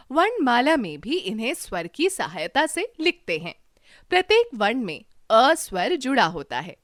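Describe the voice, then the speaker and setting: A woman's voice: a little high, dry recording, studio quality. A woman teacher narrating a scripted lesson, reading out letters and words one at a time with careful stress.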